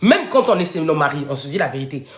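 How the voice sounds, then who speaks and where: A woman hosting a casual live stream, giving relationship advice and answering viewers' comments in an expressive way. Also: deep voice, fast. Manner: animated and expressive, addresses viewers directly and answers chat. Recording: echoey room.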